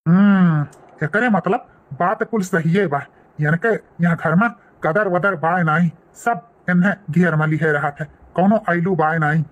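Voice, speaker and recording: In a village comedy cartoon, a man with a Bhojpuri accent plays a flirty, scheming brother-in-law, sly and wheedling. His voice sits on the high side and moves unhurriedly, and the sound is lo-fi.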